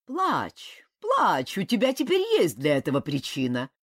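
A woman's voice: medium pitch, very animated, moderate pace, darkish tone, no room sound, clean studio sound. A woman doing a cunning, mocking male ex-god. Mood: scheming. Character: cunning male former god, cool and scheming.

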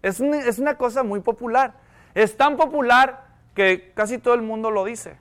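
A man's voice: extremely high pitch, moderate pace, fairly bright tone. A man preaching a sermon as pastor, asking the congregation one rhetorical question after another.

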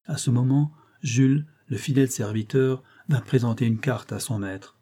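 Male audiobook narrator, dark and husky, subdued, reading a vintage crime serial. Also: mid-range voice, normal speed.

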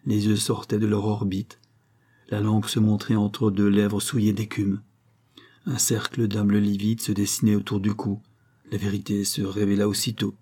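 A man narrating an audiobook of a classic tale in a measured, dramatic storytelling manner. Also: on the low side, monotone, mellow, breathy edge.

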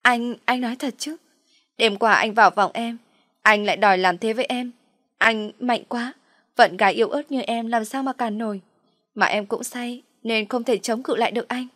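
A woman voicing a scheming young daughter who talks softly and pretends to be innocent. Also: fairly high pitch, moderate pace, dry recording, clean studio sound, pitched above the performer's own voice. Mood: pleading. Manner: soft, pleading, feigned meekness.

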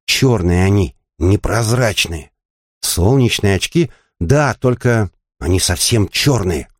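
A man's voice: lowish voice, lively intonation, slow pace, no room sound, clean studio sound. A man doing a scared pleading young woman. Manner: pleading, tense. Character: frightened young female bike courier, pleading.

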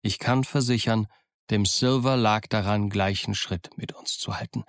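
A man reading an adventure novel aloud in calm, measured first-person narration. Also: fairly low pitch, dry recording, studio quality. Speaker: audiobook narrator.

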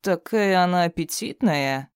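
A man doing a high, sneering bound thug. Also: measured pace, clean tone, no echo, clean studio sound. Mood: taunting. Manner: taunting, crude, mocking. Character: vicious sneering male thug, bound and bloodied.

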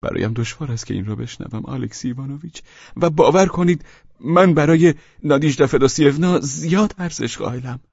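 A man voicing a fawning, anxious middle-aged man who has been drinking, pleading and stammering in a high-strung way. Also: vocal fry, a little mellow, slightly rough, no echo. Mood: effusive. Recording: dull lo-fi recording.

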